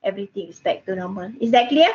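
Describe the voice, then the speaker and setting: A woman's voice: mid-range voice, animated, quick pace, a little mellow. A middle-aged woman with a Malaysian accent tutoring online in casual Manglish, code-switching with particles like lah and kan and repeating her phrases. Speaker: university lecturer. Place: indoor room with bookshelves, video call. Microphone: headset. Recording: muffled, band-limited video call audio.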